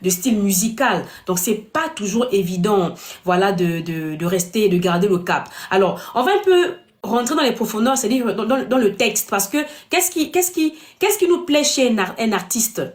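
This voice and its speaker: Hosting a relaxed web panel show, a woman poses questions to her guests and frequently restates them in new ways. She speaks at a moderate pace in a mid-range voice with lively intonation and few pauses.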